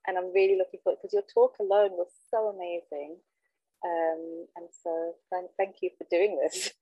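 Nervous woman, lowish voice, dull audio. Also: flat delivery, moderate pace, dry recording. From London, England. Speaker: podcast guest, trainee counsellor. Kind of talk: casual personal storytelling in interview. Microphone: handheld mic on remote call.

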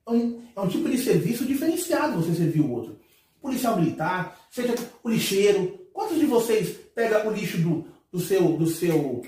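A man from Brazil holds forth in a heated panel debate, emphatic and given to repeating himself as he builds a point. His voice sits fairly high. It rings around a very echoey room, picked up from some distance. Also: mellow. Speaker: podcast panelist.

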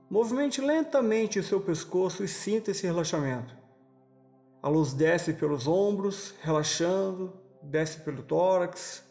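A Brazilian man with a fairly high, creaky voice leads a guided hypnosis session in the manner of a sleep story narrator. He gives soothing, slow instructions and leaves pauses between them. Music plays behind his voice. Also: a little mellow. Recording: voice over background music.

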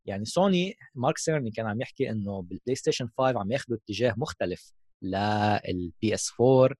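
A man's voice: on the low side, animated, quick pace, darkish tone, no echo, studio quality. A man with a Levantine Arabic accent giving a casual explanatory tech talk as a gaming host, mixing in English terms.

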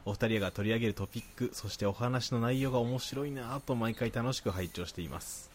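A man with a Nagoya accent, a podcast co-host reading listener mail aloud in a calm, even voice and chatting casually. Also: mid-range voice, a little fast. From Nagoya, Japan.

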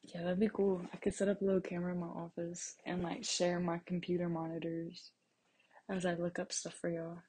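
A woman's voice: lowish voice, completely flat delivery, fairly quick, mellow, a little hiss or hum. A young woman hosting her first solo podcast, talking casually and rambling, with self-deprecating asides to her listeners. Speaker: podcast host.

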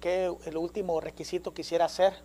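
A man interpreting a sermon live, quickly following the preacher's rises and falls, with some restarts. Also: on the high side, little pitch movement, mellow.

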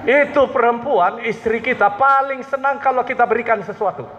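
A man's voice: very high-pitched, normal speed, a little hiss or hum. A man with a Manado Malay accent preaching a humorous sermon, joking and quizzing the congregation with call-and-response questions. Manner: joking, animated, keeps addressing the congregation. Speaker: pastor. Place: church hall. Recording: dull sound with long hall reverb.

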